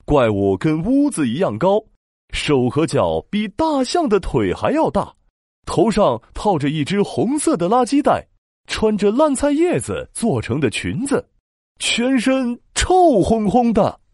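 A man tells a children's story with dramatic emphasis. His voice is fairly high and swings widely in pitch, captured in a very dry recording. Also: a little slow, dry recording. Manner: dramatic, expressive, with sound-word emphasis. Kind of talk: animated children's story narration.

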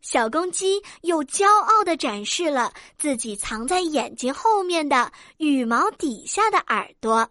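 Casting: woman storyteller for kids, high-ish voice, dry close mic, gentle and expressive. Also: measured pace, few pauses, dry recording. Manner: gentle, clear and expressive, addressing children. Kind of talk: children's story narration.

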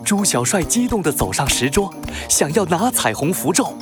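A narrator reading a scripted children's story in a dramatic, expressive way. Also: mid-range voice, moderate pace, over music.

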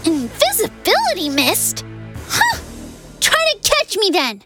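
A woman voicing a clever, brave girl bunny in a children's cartoon, quick and cheeky. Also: very high-pitched, wildly swooping pitch, over loud music, exaggerated voice. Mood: defiant. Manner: alarmed, then cheeky and defiant.

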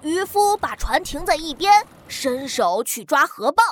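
A woman narrating a children's story in a gentle, expressive way. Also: sits high, no echo. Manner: gentle, expressive, slow-paced.

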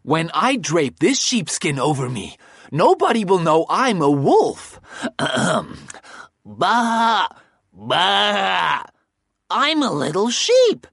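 A woman's voice: lowish voice, very animated, slow pace, creaky, a bit bright, breathy edge, no echo, clean studio sound, heavily acted. Woman doing a gloating big bad wolf. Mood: smug. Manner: gloating, cackling, exaggerated. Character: hungry boastful scheming male big bad wolf. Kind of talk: storybook audio acting.

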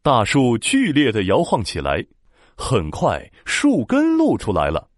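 A man narrating a children's story in an animated, expressive storytelling manner. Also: medium pitch, unhurried, no room sound, clean studio sound.

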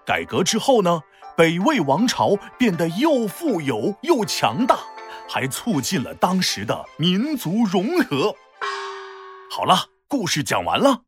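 A storyteller host narrates for children with playful exaggeration. The pitch swings widely from phrase to phrase, over soft background music. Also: wildly swooping pitch, measured pace. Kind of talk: animated scripted children's storytelling.

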